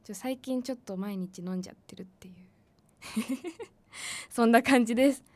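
A woman's voice: a little high, moderate pace, a little mellow, dry recording. Giggly young woman chatting on radio. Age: 20s. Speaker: radio talk host, announcing student. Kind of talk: casual solo radio talk.

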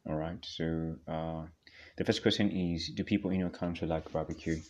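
A man from Tanzania, hosting a podcast and answering speaking-exam questions with many pauses and fillers. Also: low voice, fairly even intonation, darkish tone, muffled recording. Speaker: podcast host. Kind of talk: speaking-exam practice monologue.

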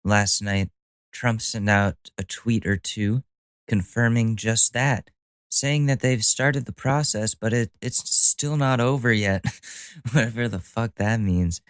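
Here a young man runs his own podcast, talking loosely with a congested nose, wandering off topic, cracking self-deprecating jokes and cursing once in a while. He has a mid-range voice, and the recording carries no room sound.

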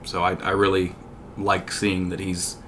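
A man co-hosting a casual sports podcast, talking in halting, hesitant phrases. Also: low-pitched, monotone, fairly bright tone, slight background noise. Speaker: podcast co-host.

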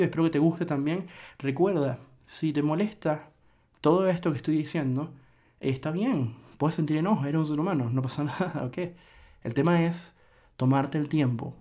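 A man's voice: fairly high pitch, mellow. A man hosting a solo podcast, lecturing earnestly in a reflective monologue with frequent restarts. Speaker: podcast host.

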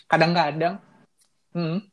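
A man's voice: on the high side, flat delivery, slow, fairly bright tone. Laughing young man. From Indonesia. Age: young adult. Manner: laughs often, slangy, storytelling. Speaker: podcast guest. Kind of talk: casual chat.

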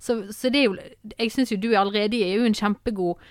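A woman's voice: medium pitch, clear, resonant tone, no room sound, clean studio sound. A woman hosting a podcast in casual chat, rambling and often asking "sant?". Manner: warm, rambling, repeats words and says "sant?" often. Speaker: podcast host.

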